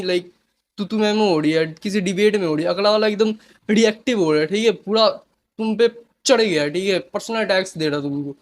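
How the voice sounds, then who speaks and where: A young man talking casually to camera, giving motivational advice in a chatty way and often checking in with the listener. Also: high voice. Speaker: self-help vlogger.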